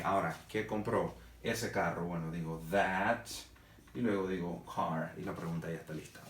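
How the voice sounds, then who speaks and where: Low-voiced male teacher who walks through a grammar lesson with rhetorical questions, recorded from a distance in an echoey room. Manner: explains step by step, asks himself rhetorical questions. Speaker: English teacher. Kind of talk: Spanish-language grammar lesson.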